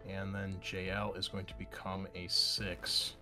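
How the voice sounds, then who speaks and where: Narrating scenes and laying out the rules of a tabletop roleplaying game, this game master speaks with music running beneath him. His deep voice is monotone yet bright and forceful, delivered at a measured pace.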